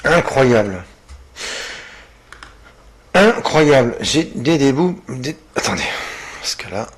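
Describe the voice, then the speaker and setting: A man's voice: mid-range voice, very animated, slow pace, a little hiss or hum. A man, a paranormal investigator, thinking aloud in amazed exclamations as he reviews his own recordings. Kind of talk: excited commentary while analysing recordings.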